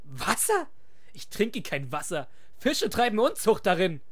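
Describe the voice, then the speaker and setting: A woman's voice: medium pitch, big pitch swings, measured pace. A woman voicing a whiny, lazy, rude man in a comedy dub parody, who is bossy and petulant.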